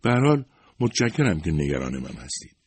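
With a rumbling low voice, a man plays a full character: a humble, worried secretary in her fifties who speaks hesitantly, modestly, and apologetically, making excuses for herself. The delivery is very animated, a little mellow, with a breathy edge and no echo.

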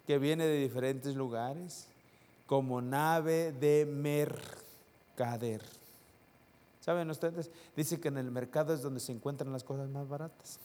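A man preaching a sermon to his congregation, asking rhetorical questions and swinging between loud and soft. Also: fairly high pitch. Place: church hall. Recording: long hall reverb.

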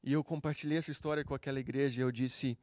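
A man's voice: mid-range voice, fairly even intonation, racing, dry recording, studio quality. A man with a Brazilian accent preaching a sermon, telling a personal testimony in an earnest, heartfelt way. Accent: Brazilian Portuguese.

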